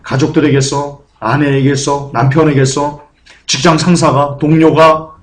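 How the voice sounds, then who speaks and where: A man's voice: on the high side, little pitch movement, measured pace. A man preaching a sermon as pastor, earnest and emphatic, who acts out the grumbling of churchgoers.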